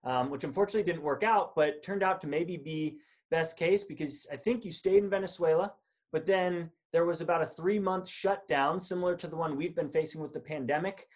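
A podcast host with a slightly high, fairly quick voice reads a friendly scripted intro, then chats with his guest over a video call.

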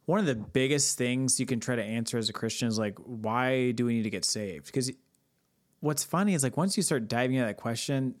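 A man's voice: mid-range voice, fairly quick. A man co-hosting a podcast in casual chat, joking and swearing, laughing often. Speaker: podcast co-host.

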